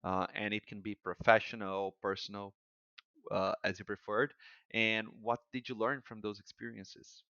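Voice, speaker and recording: A man's voice: lowish voice, little pitch movement, normal speed, sharp tone, dry recording, muffled recording. A man hosting a podcast, friendly and leaning on many "uh" fillers. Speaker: podcast host. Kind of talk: podcast interview.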